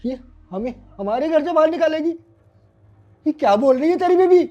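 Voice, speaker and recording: Actor as aggrieved old father-in-law, high-pitched scolding, soft music under, skit drama. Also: expressive, normal speed, muffled recording. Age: older. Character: indignant elderly father-in-law.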